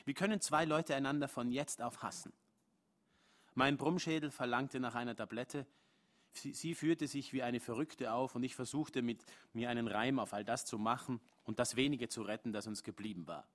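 A man reading a translated story aloud at a live literary event, keeping the rhythm restrained and measured. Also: mid-range voice. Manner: restrained, measured reading with rising intensity in dialogue.

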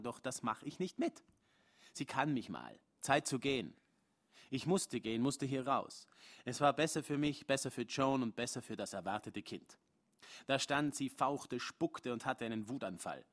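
A man reading a translated story aloud at a live literary event, keeping the rhythm restrained and measured. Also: mid-range voice, a bit bright. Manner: restrained, measured reading with rising intensity in dialogue.

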